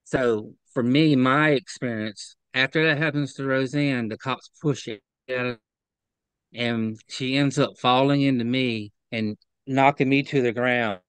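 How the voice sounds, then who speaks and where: In this remote interview, a male guest testifies earnestly, stumbling and repeating words whenever he's upset. He has a steady, mid-range voice that is fairly bright and smooth; there's no echo, but the recording is rough.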